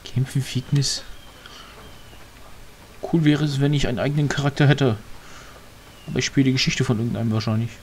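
Male let's-play commentator, mid pitch, mutters and rambles over gameplay, faint hiss behind. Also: steady tone, a little fast, pauses often, darkish tone. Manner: rambling, muttering to himself, mildly grumbling. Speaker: let's player.

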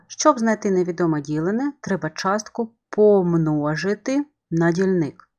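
A woman's voice: mid-range voice, a little mellow. Patient woman teaching children math. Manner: patient step-by-step explaining to children. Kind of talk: remote lesson voice-over.

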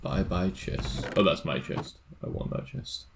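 A man with a low, gravelly voice chats easily while playing a game with a friend. He reads in-game text aloud in an unhurried way and laughs along as he goes. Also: background noise. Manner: relaxed, reads quest text aloud, chuckles often. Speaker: co-host of a gaming series. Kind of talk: casual gameplay chat.

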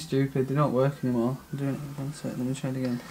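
A man's voice: medium pitch, monotone, quick pace, very noisy. A British man in his twenties bantering casually and teasingly in a home video. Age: 20s. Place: small bedroom, indoors.

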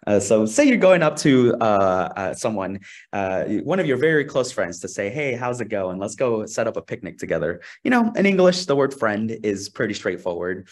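A young Peruvian social scientist presents a webinar over a video call, picked up by a webcam microphone. His fairly low voice is very animated at a normal speed, and he sounds earnest, occasionally restarting and asking for the next slide.

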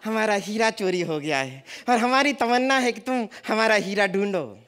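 A man's voice: high-pitched, lively intonation, moderate pace, fairly bright tone. A man playing a pompous queen mother in a stage comedy sketch, speaking in a grand royal manner and fussing over her daughter. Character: pompous bossy queen mother, middle-aged woman. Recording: noisy live stage recording.

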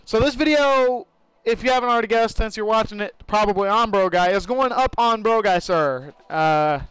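High-voiced rambling male game streamer. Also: normal speed, a bit bright, smooth, dry recording. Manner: rambling, swears and laughs while playing. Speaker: gaming streamer. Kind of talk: casual live-stream commentary. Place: home room during a thunderstorm.

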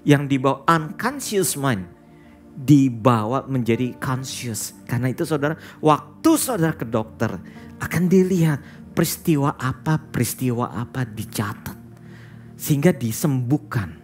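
Male pastor, sermon, storytelling, lively swooping pitch, faint music behind. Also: unhurried. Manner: storytelling, often addresses listeners as "saudara"; mixes English words into speech.

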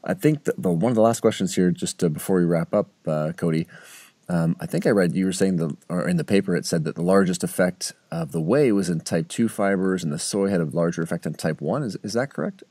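A man hosting a podcast, asking questions in a relaxed, chatty way. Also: low voice, brisk, breathy edge, dry recording. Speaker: podcast host. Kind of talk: casual interview questions.

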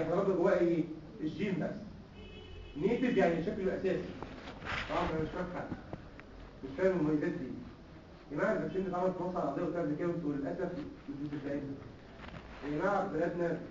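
A man with an Egyptian Arabic accent gives a medical lecture, animated and full of rhetorical questions and joking asides. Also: high-pitched, noisy background. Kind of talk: recorded classroom lecture. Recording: distant, echoey, dull lecture-hall recording with faint ambience.

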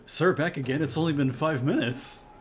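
A man's voice: on the high side, moderate pace, slight background noise, close to an everyday voice. A man voicing a polite young male gangster underling while reading game dialogue aloud. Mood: politely puzzled.

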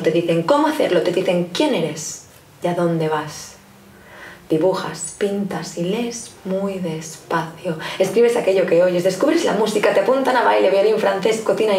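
A woman's voice: on the low side, darkish tone. A woman slam poet performing spoken word poetry with rhythmic, emphatic delivery in a library. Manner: rhythmic, emphatic recitation with sudden quickenings. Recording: roomy, distant live recording with faint noise.

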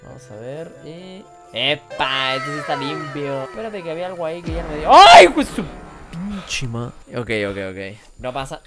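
A lively, swooping female voice, pitched a little low for a woman, narrating her gameplay with playful swearing. She jumps from muttered asides to sudden shrieks, and clear game music plays underneath. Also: moderate pace, few pauses. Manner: excitable, yelps and shrieks often; jokey, swears in Spanish and English. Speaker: streamer playing games. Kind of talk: gaming commentary.

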